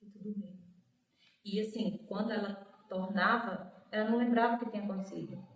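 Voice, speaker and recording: A woman giving an emotional personal testimony as a guest, acting out the voices in her story. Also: a little fast. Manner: storytelling, acts out quoted speech with rising pitch. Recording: echoey room, mic at a distance.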